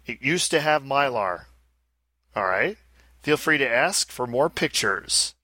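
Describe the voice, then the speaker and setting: A man's voice: mid-range voice, animated, takes it slowly, bright, forceful tone, no room sound, clean studio sound. A man co-hosting a podcast, chatting casually and reading out listings. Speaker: podcast co-host.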